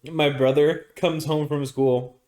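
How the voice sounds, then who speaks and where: Podcast guy telling a funny family story, kinda high voice, laughs a lot. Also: slow. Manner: animated, laughing often, acts out quotes. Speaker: podcast co-host. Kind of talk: casual storytelling.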